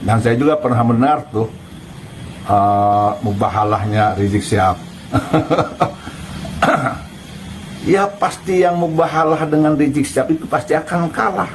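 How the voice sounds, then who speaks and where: A man hosting a commentary channel, taunting and questioning in a mocking tone with soft laughs. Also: mid-range voice, moderate pace, a little hiss or hum, poor audio.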